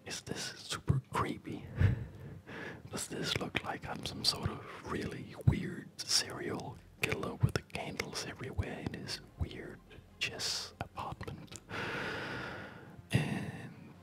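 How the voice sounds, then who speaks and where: Over gameplay, a man offers whispered ASMR remarks that ramble gently and take their time, in the style of a gaming video host.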